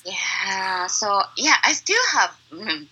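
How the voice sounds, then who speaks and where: A woman with a Japanese accent gives interview answers in hesitant learner's English, Japanese being her native language. Her pitch swings widely and she speaks slowly, with a raspy edge to her voice. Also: sing-song, sharp tone, rough recording. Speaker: interview guest, YouTuber.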